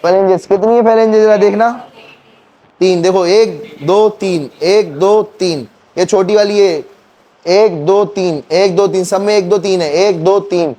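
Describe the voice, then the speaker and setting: A male teacher whose mellow voice sits high takes things slowly during a classroom anatomy lecture. He fires call-and-response questions at the students and counts the bones aloud.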